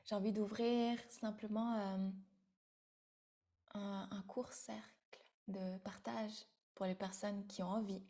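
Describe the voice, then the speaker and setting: A woman in her thirties, originally from Vietnam, leads a spiritual sharing circle in an unhurried, meditative way. Her voice is soft and dark in tone, and her pitch stays level and even. She hesitates often and repeats words as she searches for them. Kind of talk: spiritual talk to an online audience.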